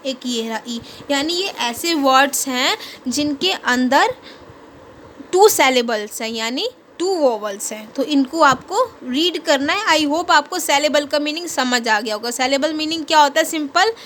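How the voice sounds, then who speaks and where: A woman with a high, light voice teaches an English worksheet to children. She is patient, explains step by step and spells words out letter by letter. Faint noise runs behind her. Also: a bit bright. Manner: patient, asks questions then answers them, spells words letter by letter. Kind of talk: classroom lesson explaining a worksheet.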